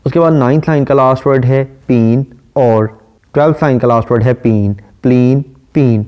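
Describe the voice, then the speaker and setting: A man giving a literature lecture, reading English verse lines slowly and explaining each one in Hindi-Urdu. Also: mid-range voice, a little mellow. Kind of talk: recorded lecture.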